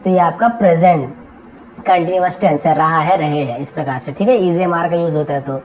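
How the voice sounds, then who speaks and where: A woman teaching an English translation lesson. She reads English slowly word by word, explains each word in Hindi, and often checks that her students follow. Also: low-pitched, darkish tone, a little hiss or hum, rough recording. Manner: checks understanding with frequent questions. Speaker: English tutor.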